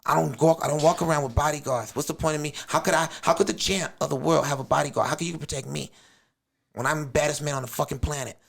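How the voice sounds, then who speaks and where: Gravelly-voiced man in his thirties, storytelling. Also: a little high, steady tone, fast talker. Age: 30s. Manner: acts out quotes, switching between hushed soft voices and loud outbursts. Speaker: podcast guest. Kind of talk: animated storytelling.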